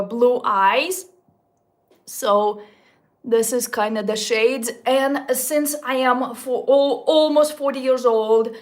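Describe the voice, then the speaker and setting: With a fairly high-pitched, fairly bright voice, a woman in her late thirties talks makeup with her viewers as a beauty vlogger. She gushes about products in a relaxed way, making little slips and starting over.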